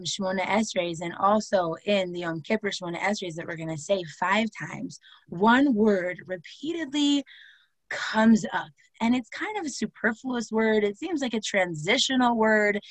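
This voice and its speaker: Lively woman teacher giving a lecture. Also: mid-range voice, no room sound, poor audio. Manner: lively, asks questions, uses Hebrew terms. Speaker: Torah teacher. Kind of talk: classroom lecture.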